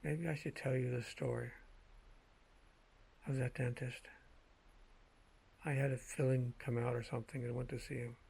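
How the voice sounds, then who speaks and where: A man speaking in a measured, halting way with a gravelly, husky voice, telling personal anecdotes in a casual monologue. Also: mid-range voice, little pitch movement, a little mellow, poor audio. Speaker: vlogger telling personal stories.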